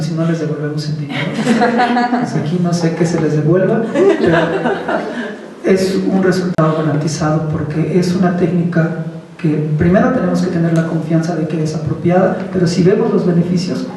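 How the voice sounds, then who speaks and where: A man's voice: high voice, moderate pace, a crowd in the background. A man giving a Buddhist teaching as a casual talk, putting questions to the audience. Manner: conversational, asks the audience questions. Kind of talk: informal dharma talk. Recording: echoey hall, speaker far from the mic.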